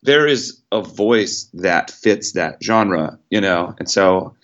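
Low-voiced reflective male singer-songwriter. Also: slow pace, fairly bright tone, lo-fi sound. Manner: casual and reflective, many fillers like "you know" and "like". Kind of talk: relaxed conversational interview.

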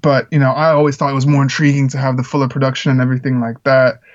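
Speaking rapid-fire with a flat delivery and medium pitch, a Czech-raised musician rambles earnestly through a casual interview, full of fillers. The sound quality is lo-fi.

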